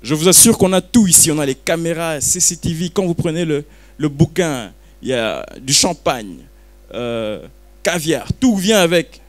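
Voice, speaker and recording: A man running a live auction at a book launch, calling and repeating bids while teasing the crowd. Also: fairly high pitch. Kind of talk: joking live auction patter.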